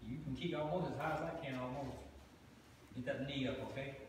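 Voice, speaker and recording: A man's voice: medium pitch, steady tone, brisk. An older man in his sixties refereeing a kids' sparring class in a dojo, stern and commanding, with short barked calls. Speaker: martial arts instructor. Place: large indoor dojo with mats. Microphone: far camera. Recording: echoey hall from far off, loud room noise.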